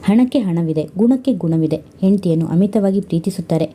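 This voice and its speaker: A playful young sister full of teasing, voiced by a woman storyteller. Her voice sits higher than the narrator's, with the same husky, mellow grain. The delivery stays light and cheeky. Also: lively intonation, a little fast.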